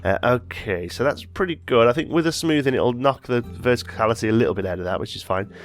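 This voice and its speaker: During casual gameplay commentary, a man with a slight cold builds while thinking aloud, frequently correcting himself mid-sentence. His voice is mid-range, expressive and quick.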